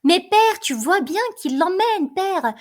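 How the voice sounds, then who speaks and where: A woman's voice: very high voice, expressive, slow pace, voice pushed up, heavily acted. A woman reading a desperate young son. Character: young man, desperate son pleading with his father. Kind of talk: reading a play aloud.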